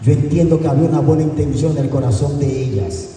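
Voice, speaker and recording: A man preaching a sermon with fervor, rising to high shouts and slowing for emphatic lines. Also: slight background noise. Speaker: evangelist preacher. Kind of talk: Spanish-language sermon. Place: large echoey hall. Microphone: distant from the mic. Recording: echoey hall recording from far off with faint ambience.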